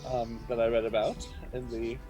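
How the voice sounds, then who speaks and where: A woman voicing a kindly, dotty old woman who is hard of hearing, fussy and halting in a tabletop game. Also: extremely low pitch, little pitch movement, dark tone, soft background music. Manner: fussy endearments, flustered halting speech.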